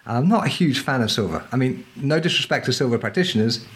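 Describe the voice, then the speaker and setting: A middle-aged man, guesting on a podcast, chats casually in an animated, mid-range voice at a quick pace. He teaches historical fencing and talks in a chatty, emphatic style, often checking in with "right?" during the interview.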